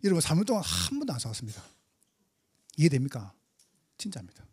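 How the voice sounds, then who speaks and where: A man with a Gyeongsang accent preaching a testimony sermon in church, animated and humorous, talking fast. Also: medium pitch, breathy edge, dry recording, clean studio sound. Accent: Gyeongsang Korean. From Gyeongsang Province, Korea. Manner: fast talker. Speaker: pastor.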